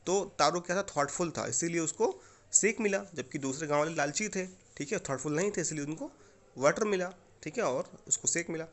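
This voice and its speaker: A young Indian man teaching an online English class, speaking with an Indian accent. His voice sits slightly high for a man. He works slowly through each answer, repeating key words and often checking in with his students. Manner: explains slowly and repeats, often asking "okay?".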